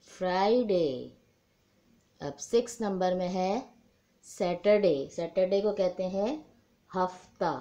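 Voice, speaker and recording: A woman tutor giving a slow lesson, repeating each word and spelling it out letter by letter. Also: lowish voice, darkish tone. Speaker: home tutor teaching children. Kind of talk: slow dictation-style lesson.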